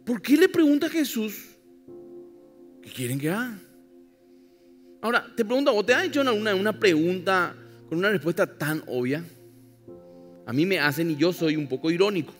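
A man's voice: high voice, expressive, a little fast, fairly bright tone. A male pastor preaching a sermon emphatically, with wry irony and asides to the congregation. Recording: live church hall with long reverb, faint music.

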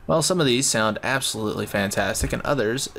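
A man's voice: mid-range voice, fairly quick, a bit bright, slight background noise. A man giving casual gameplay commentary, thinking aloud in a rambling way. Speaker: gamer narrating his own play.

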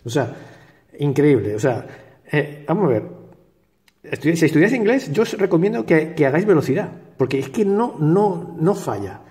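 A man's voice: a little high, sing-song, normal speed, warm tone, big-room sound. A man with a Spain Spanish accent hosting a puzzle cube tutorial, talking casually and sardonically, chuckling often and rambling with restarts.

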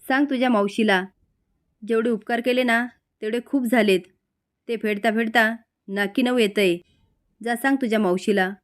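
Sarcastic scolding aunt, voiced by a woman a little raised and high. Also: steady tone, normal speed, dry recording, studio quality, natural voice. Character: sharp-tongued middle-aged aunt.

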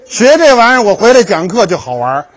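Lecturing a class on history, a man speaks fast in a high voice with big pitch swings. His style is storytelling and jokey, and he performs the dialogues himself.

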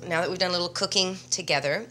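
A woman's voice: on the low side, fast talker. A woman in her forties, a cooking show host, upbeat and encouraging as she talks a home cook through a recipe in a home kitchen on a lapel mic. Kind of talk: cooking show instruction and voice-over. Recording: music bed under the voice. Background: music.

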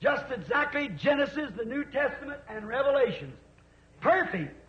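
A man's voice: very high-pitched, sing-song, a little slow. A man preaching fervently, rising at times to cries, on an old sermon recording. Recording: echoey dull archive tape.

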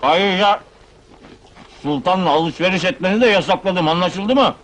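An actor playing a hot-headed young minibus driver, blustering and threatening, in a 1970s film. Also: male voice, high voice, moderate pace, a bit bright. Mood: raging. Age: young adult. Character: hot-headed young neighborhood ladies' man.

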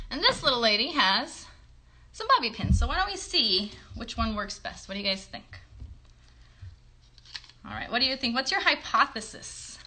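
A woman's voice that sits high with a sharp tone, with slight background noise. She's in her thirties, hosts a children's puppet show, and is casually doing a craft demonstration in her bedroom, encouraging young viewers with questions, with a phone recording from about arm's length.

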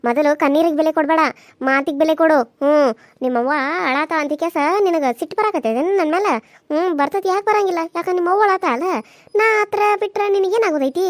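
[name], a woman doing a shrill fiery young wife. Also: fast, dry recording, clean studio sound. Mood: scolding. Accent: North Karnataka Kannada. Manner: shrill, scolding, tearful outbursts. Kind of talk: Kannada cartoon serial voice acting.

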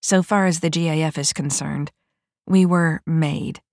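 A seasoned, wry female mech soldier, voiced by a woman narrator in an audiobook story. She speaks low and matter-of-fact. The recording is dry and close. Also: fairly even intonation, a little slow, a little mellow, no room sound.

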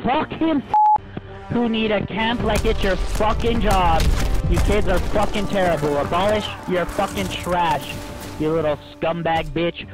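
Raging male gamer, high voice, berserk angry trash talk on voice chat, music behind. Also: unhurried. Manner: enraged, berserk raging, shouted profane insults.

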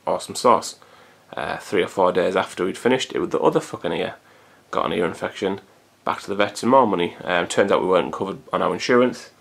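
Low, gravelly man rambling. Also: fast talker, hardly any pauses. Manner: rambling, chatty, swears casually. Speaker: vlogger. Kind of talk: casual chat to camera. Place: hot room at home. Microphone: camcorder built-in mic.

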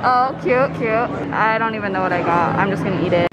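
A woman's voice: mid-range voice, brisk, over loud music. A young woman in college talking casually to her phone camera, bubbly and chatty with a self-mocking streak. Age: young adult. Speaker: college student vlogger. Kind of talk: casual vlog chat to camera.

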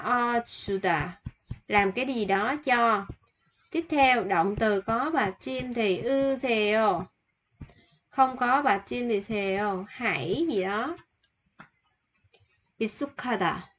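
A woman teaching vocabulary, repeating each word and example sentence and then explaining it slowly. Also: on the high side, fairly bright tone. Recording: slightly dull, lo-fi sound.

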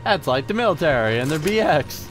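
Brief: man, gaming host, animated jokey reactions, slightly high voice, game music behind. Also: brisk. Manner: jokey, reactive, mock-dramatic. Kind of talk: let's play commentary. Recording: voice over game audio and music.

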